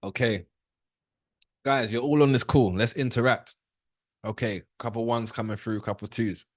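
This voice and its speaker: A man's voice: medium pitch, fairly even intonation, normal speed, dry recording, studio quality. A man in his thirties teaching trading on a live call, casual and direct, often asking his viewers questions. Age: 30s. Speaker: trading educator.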